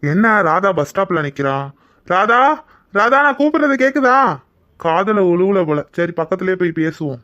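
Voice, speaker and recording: A performer voicing a bright, possessive young cartoon lover. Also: medium pitch, sing-song, normal speed, no room sound, highs cut off. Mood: curious. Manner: teasing, possessive and affectionate. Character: protective, teasing young man in love. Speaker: cartoon character. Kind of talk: Tamil cartoon voice acting.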